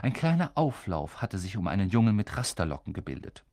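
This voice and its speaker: A man reading a children's fantasy novel aloud as a lively, dramatic audiobook narrator. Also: fairly low pitch, brisk, dry recording, clean studio sound. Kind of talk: scripted narration.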